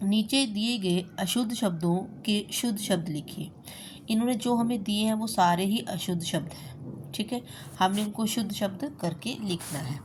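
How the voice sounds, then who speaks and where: A woman teacher giving a patient spelling lesson to children, saying each word slowly and checking with a frequent "theek hai.". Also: on the low side, darkish tone, a little hiss or hum. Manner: patient, repeats words slowly, says "theek hai" often.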